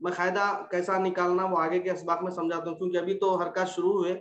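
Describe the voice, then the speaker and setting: A high-voiced man leads an online recitation lesson, and he patiently drills the students with repeated questions. The recording has a roomy echo and a dull, lo-fi sound. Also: completely flat delivery, fast talker, fairly bright tone. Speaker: Quran recitation teacher. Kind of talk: online tajweed class. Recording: echoey room, dull lo-fi sound.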